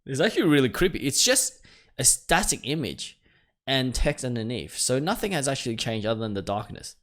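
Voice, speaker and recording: A man with a medium-pitched, fairly bright, sing-song voice talks fairly quickly while streaming a let's-play. He reads game text aloud and reacts nervously, jumping and exclaiming between passages.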